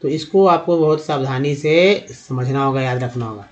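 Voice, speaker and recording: A man with a mid-range, darkish voice speaks at a moderate pace, teaching viewers to read English words at a board. He patiently poses and answers his own questions about each vowel sound, talking to his audience like friends.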